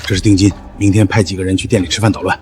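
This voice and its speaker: A man's voice: deep voice, flat delivery, racing, a little mellow, faint music behind, lightly acted. A man playing a scheming, oily restaurant villain, sly and smug, in a short drama.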